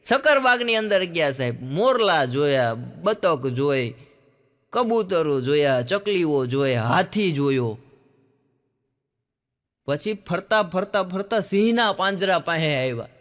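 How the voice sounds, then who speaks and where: A man's voice: a little high, expressive, slow, a bit bright. A man telling jokes on stage as a stand-up comedian, acting out the lines of the people in his stories in raised voices. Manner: acts out characters' quoted lines in raised voices.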